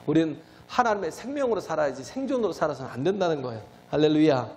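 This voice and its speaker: A man preaches in a high, lively voice that leaps up for emphasis and then sinks to a quiet low. He keeps throwing rhetorical questions at his congregation and prompts them for replies. A faint hum sits under the recording. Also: very fast, low-quality recording. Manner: swings between emphatic high lines and low, quiet drops. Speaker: pastor. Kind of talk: sermon.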